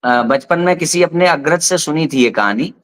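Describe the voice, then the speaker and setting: A man hosting a discussion, telling an anecdote in a relaxed, measured conversational way. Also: on the high side. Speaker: host. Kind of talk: conversational storytelling.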